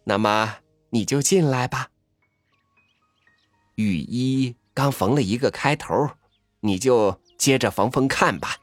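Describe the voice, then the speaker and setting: A man voicing a kindly old village seamstress grandmother, gentle and motherly. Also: mid-range voice, slow pace, pauses often, dry recording, soft background music, pitched above the performer's own voice. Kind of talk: storytelling reading.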